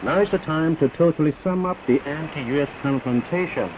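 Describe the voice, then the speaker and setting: A man's voice: fairly high pitch, fairly quick. North newsreader man on hissy radio. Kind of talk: North Korean newsreader, formal scripted state radio bulletin. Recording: hissy, noisy, muffled shortwave radio recording.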